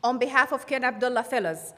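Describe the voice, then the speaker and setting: A woman from giving an earnest, measured graduation speech on behalf of her class. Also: high voice, a bit bright. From Saudi Arabia. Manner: earnest, measured, slightly halting delivery. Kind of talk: formal commencement speech. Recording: long hall reverb.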